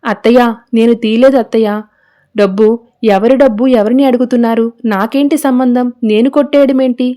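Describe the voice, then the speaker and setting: A woman's voice: on the high side, steady tone, brisk, warm tone, natural voice. A woman voicing a young, wrongly accused daughter-in-law who pleads and protests in a storybook recap. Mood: indignant. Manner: pleading, indignant.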